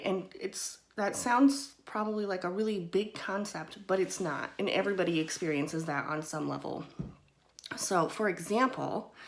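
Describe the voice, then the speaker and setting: A woman with a slightly low voice talks through a mindfulness lesson in a loose, conversational way. She keeps checking in with her listeners as she goes and fills her sentences with easy, chatty phrases. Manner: conversational, often checks in with "right?" and "okay?"; loose and chatty, with frequent "kind of" and "you know". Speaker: host of a mindfulness talk. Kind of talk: casual teaching talk.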